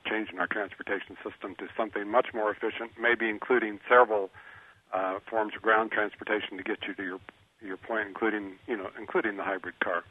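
A man's voice: fairly low pitch, steady tone, fairly quick, husky. A man calling in by telephone to a radio show, asking the guest a long, rambling question in an earnest way. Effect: telephone line. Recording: tinny phone line, dry.

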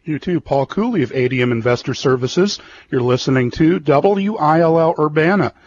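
A man's voice: on the high side, expressive, normal speed, a little mellow. Man on muffled AM radio. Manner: plain, conversational questioning. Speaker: radio host. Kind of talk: radio market interview.

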